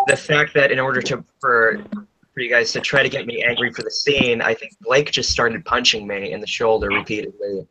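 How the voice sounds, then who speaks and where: A man's voice: mid-range voice, fairly even intonation, fairly quick, sharp tone, a little hiss or hum, low-quality recording. A man, a cast member in a casual online Q&A, answering with dry, hesitant humor.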